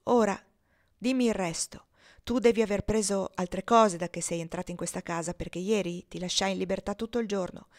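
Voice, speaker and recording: A woman's voice: mid-range voice, steady tone, fairly quick, close to an everyday voice. A woman reading aloud, voicing a stern, indignant spinster governess who scolds sharply. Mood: scolding.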